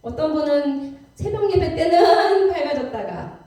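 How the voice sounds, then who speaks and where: Woman preaching with wide pitch swings. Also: animated, a little slow, mellow, far from the mic. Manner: vivid storytelling with dramatic pitch swings. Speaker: missionary giving testimony. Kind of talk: sermon testimony. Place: church sanctuary. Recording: echoey church hall from afar.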